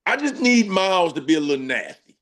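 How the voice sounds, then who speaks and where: A man's voice: high voice, big pitch swings, fast, fairly bright tone. A man guesting on a sports talk show, a former football player speaking in emphatic, slangy casual chat with laughing asides.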